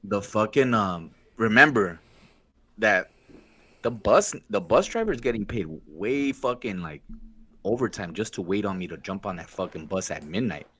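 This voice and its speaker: A man's voice: fairly low pitch, lively intonation, moderate pace, pushed and bright, slightly rough. A man telling stories in casual podcast chat, slangy, swearing freely and laughing at himself. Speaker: podcast co-host.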